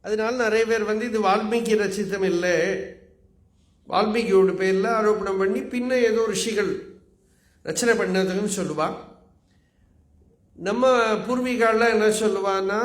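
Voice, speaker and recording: A man giving a religious discourse as a spiritual teacher, chanting verses slowly and then explaining them in plain, measured talk. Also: sits high. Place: large auditorium. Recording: echoey hall recording.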